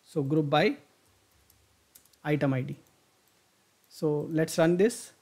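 A software instructor narrates a screen-recorded tutorial, clicking through the steps while thinking aloud with lots of fillers and restarts. His voice is fairly high and his pace slow.

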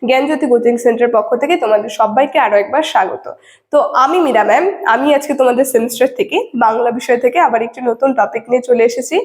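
A woman's voice: on the high side, rapid-fire, a little mellow. A young woman from India, teaching a lecture at a board and checking her students' understanding with a rising tag question after nearly every point.

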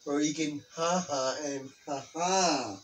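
A man's voice: a little high, slow, a loud crowd. A man chatting casually over a video game, teasing and swearing as he comments. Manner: sweary, teasing, laughs often. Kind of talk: casual chat over gameplay.

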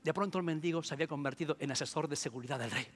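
A man telling a story as a motivational speaker, in an animated storytelling manner. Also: fairly high pitch, rapid-fire. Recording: long hall reverb, soft music.

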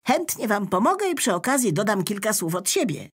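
A woman's voice: medium pitch, sing-song, a little fast, slightly rough, pitched above the performer's own voice. A woman voicing a helpful, eager fountain pen in a children's story.

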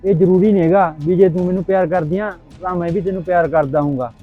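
A man's voice: sits high, fairly even intonation, fast, phone-quality sound, faint music behind. A man acting in a short drama, insistent and defensive. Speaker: actor in a short Punjabi drama. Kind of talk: amateur short-film acting.

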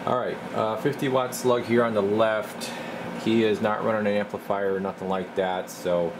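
Speaking at a normal pace in a lowish voice, a man narrates a radio demonstration he's doing by hand, tossing off casual remarks to himself along the way. Loud, constant hum from the equipment and room sits underneath.

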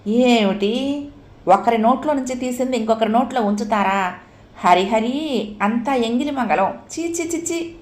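A woman voicing a fussy, orthodox old male patient who complains loudly and easily gets upset. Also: a little high, measured pace, pauses often, echoey room, voice pushed up, close to an everyday voice. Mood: disgusted. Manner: complaining, shouting.

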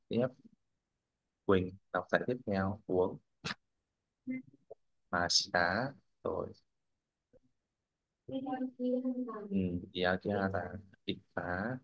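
A man's voice: deep voice, gravelly, a bit bright, lo-fi sound. A male language teacher, leading a classroom pronunciation drill. He models words, corrects students, and keeps checking that they follow.

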